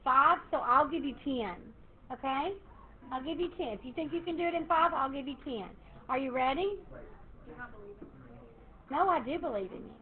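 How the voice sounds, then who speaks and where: A woman math teacher, lecturing her class in a lively, encouraging way and quizzing students. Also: high voice, moderate pace, long pauses. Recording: tinny phone-like classroom recording, faint hiss.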